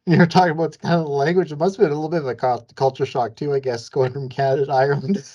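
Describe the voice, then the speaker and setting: A woman interviewing a guest with relaxed, loosely phrased questions. Her voice sits very low and sounds husky. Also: rapid-fire, highs cut off. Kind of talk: casual interview.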